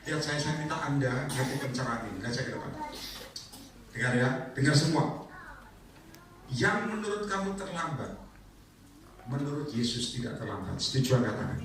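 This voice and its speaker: A male evangelist, preaching an animated sermon that swings into loud shouted peaks and acted-out scenes. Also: mid-range voice, fast, noisy background. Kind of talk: lively church sermon. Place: large church hall. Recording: echoey hall, distant mic.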